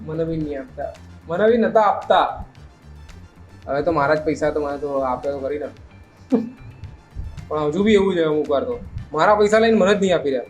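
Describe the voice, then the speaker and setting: A man's voice: on the high side, animated, normal speed, long pauses, soft background music. A man hosting a meme reaction video, ranting sarcastically and mocking clips, mixing English phrases into his talk. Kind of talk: casual reaction commentary.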